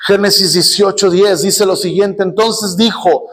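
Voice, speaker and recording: A middle-aged man with a Mexican accent, a pastor telling a personal story and then preaching with mounting, shouted passion in a church. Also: high voice, steady tone, measured pace. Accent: Mexican Spanish. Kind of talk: sermon.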